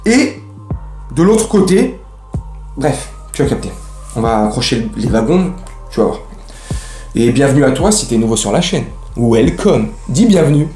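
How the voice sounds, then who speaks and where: A man's voice: medium pitch, big pitch swings, measured pace, long pauses, warm tone, echoey room, faint music behind. A man hosting a casual football fan vlog, ranting in slangy, rambling speech. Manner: slangy, heated, rambling with restarts.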